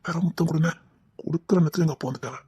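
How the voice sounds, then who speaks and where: A man playing a stammering, husky young village son. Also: fairly high pitch, steady tone, a little mellow. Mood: sheepish. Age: young adult. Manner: stammering excuses, fast and husky. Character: sly young village son caught with his girlfriend.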